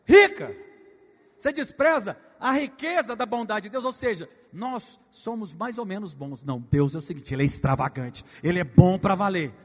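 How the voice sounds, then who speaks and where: Male preacher, high-pitched, call-and-response style, loud outbursts, long church-hall reverb. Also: animated, normal speed, hardly any pauses. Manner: call-and-response preaching, asks the congregation to repeat phrases; swings from soft asides to shouted exclamations. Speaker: pastor. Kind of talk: sermon.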